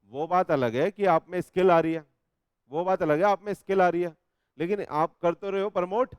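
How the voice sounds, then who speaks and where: A man with a high, smooth, resonant voice lectures on law. He keeps checking whether the class follows him and reads legal passages slowly. The sound is close and dry. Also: dry recording. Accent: Hindi. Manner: animated, coaxing students with repeated checks. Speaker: law teacher.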